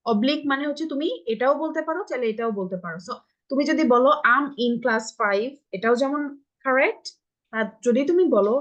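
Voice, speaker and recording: Over audio with the highs cut off, a woman's voice on the high side guides children through English in an online class. She has a Bangladeshi accent, patiently repeats example phrases, and checks everyone's understanding.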